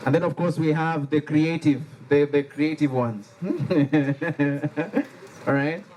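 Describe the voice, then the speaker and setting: An energetic workshop facilitator with a Liberian accent leads an interactive call-and-response session for a live audience in a workshop room. His male voice is slightly high and slow, and he is animated and playful, getting the crowd to repeat words. The low-quality recording has some hiss or hum.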